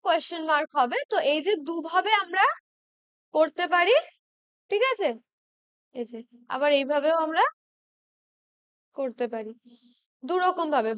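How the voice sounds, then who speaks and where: A woman with a Bengali accent teaching an exam-prep English lesson, patiently checking in with her students and reading example sentences out slowly. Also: very high voice, fairly bright tone, dry recording. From West Bengal, India. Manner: patient, checks in with "ঠিক আছে?" constantly.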